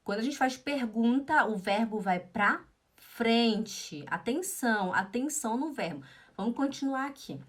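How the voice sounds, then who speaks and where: A woman's voice: a little high, expressive, measured pace. A young Brazilian woman teaching German in a live-streamed lesson, chatting and reading viewers' comments aloud with frequent "né?". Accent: Brazilian Portuguese.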